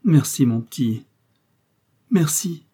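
A man's voice: medium pitch, lively intonation, measured pace, warm tone, husky. A man voicing an ailing, tremulous mother. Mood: tearful gratitude. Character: ailing mother, tender and overwhelmed.

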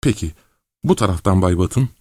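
A man voicing a young hospital nurse who turns from shrill alarm to curt, cool firmness. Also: fairly quick, slightly rough, no room sound, clean studio sound. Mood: cold. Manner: shrill when scared, curt when calm. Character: young woman nurse, flustered then cold.

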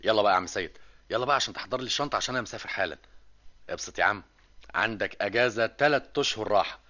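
An actor playing a lively young male student in an old Egyptian radio drama, speaking with an Egyptian accent. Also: on the low side, very fast. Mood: teasing. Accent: Egyptian Arabic. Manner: lively, teasing, excited. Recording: dull old radio recording with music.

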